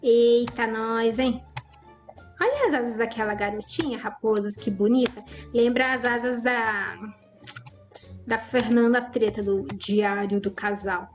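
A woman's voice: a little high, measured pace, highs cut off, faint music behind. A woman giving chatty, exclaiming commentary over her Roblox gameplay and talking straight to her viewers. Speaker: gaming YouTuber.

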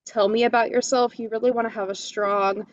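A woman's voice: on the high side, steady tone, a little fast, highs cut off. A woman career coach giving interview tips in a webinar, enthusiastic, with lots of "you know" and "um". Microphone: video call.

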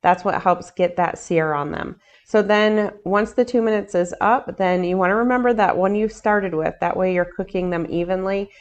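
A woman's voice: mid-range voice, normal speed, few pauses, dull audio. Chatty older woman showing a home recipe. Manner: chatty, explains each step. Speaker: cooking vlogger. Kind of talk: casual cook-along narration. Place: home kitchen.

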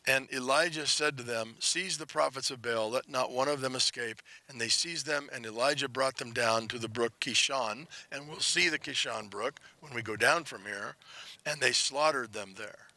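A man's voice: mid-range voice, moderate pace, bright, forceful tone, no room sound. A man teaching outdoors on a hilltop, reading scripture aloud and breaking in with casual asides. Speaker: pastor teaching on a tour.

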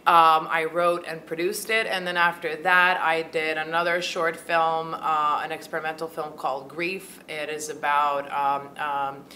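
A woman's voice: low-pitched, flat delivery, unhurried, hardly any pauses, pushed and bright, a little hiss or hum. A woman from Croatia in her thirties, a filmmaker answering interview questions in a chatty way with many fillers, into a handheld mic in a small room. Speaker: filmmaker and actor. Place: small room at a film festival. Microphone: handheld mic held by interviewer.

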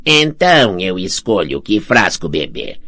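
A man's voice: sing-song, measured pace, pushed and bright, full character voice. Man doing a wheedling blind old villain. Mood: scheming. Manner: wheedling, sly, theatrical swoops in pitch. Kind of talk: audiobook character voice.

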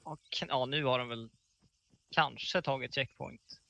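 A man's voice: medium pitch, gravelly, sharp tone. A man on casual gaming voice chat, joking in a dry way about the match.

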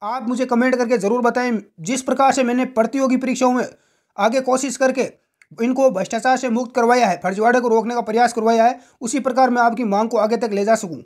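A man's voice: extremely high pitch, fairly even intonation, fast talker, darkish tone. A man hosting an informal exam news update as a coaching teacher, speaking directly to students and posing questions. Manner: direct address with rhetorical questions.

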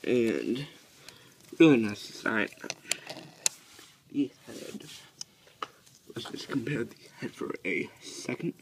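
A man giving a casual toy review, talking haltingly with many ums and restarts while he handles pieces. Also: medium pitch, lively intonation, a little hiss or hum.

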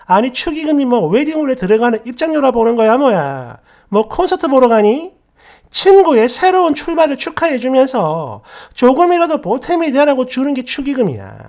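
A woman's voice: high voice, big pitch swings, normal speed, a little mellow. Woman reading as a furious swearing commenter. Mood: scolding. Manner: scolding, swearing. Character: furious foul-mouthed female online commenter.

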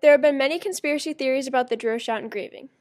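A woman's voice: high voice, rapid-fire, darkish tone. A woman narrating a school project presentation, reading evenly from a script. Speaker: student presenter.

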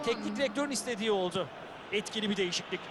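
A man's voice: high voice, rapid-fire, close to an everyday voice. A man as a chatty football pundit in a video game, giving wry, conversational analysis. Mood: engaged, analytical. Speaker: football co-commentator. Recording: stadium noise behind.

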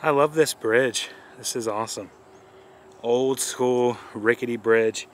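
Taking his time, this vlogger speaks in a mid-range voice while showing viewers along a riverside path. His casual, upbeat tour commentary comes with a faint hiss or hum in the background.

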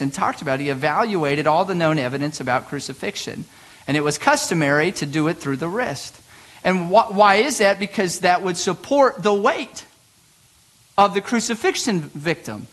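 A man preaching a sermon from the pulpit, telling the scene vividly and swinging between soft low lines and loud emphatic ones. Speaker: pastor. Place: church sanctuary.

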